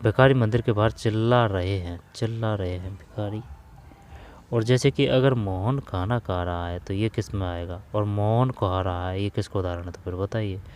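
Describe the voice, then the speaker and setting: A man with a fairly low voice teaches grammar for an exam, talking casually. He repeats words and phrases as he works out each answer out loud. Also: moderate pace, slight background noise. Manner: thinks aloud, repeats phrases while reasoning. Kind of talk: casual spoken lesson, working through exam questions.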